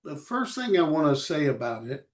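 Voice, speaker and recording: A man teaching a Bible study in short phrases, pausing for an interpreter, halting with many fillers. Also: fairly high pitch, sing-song.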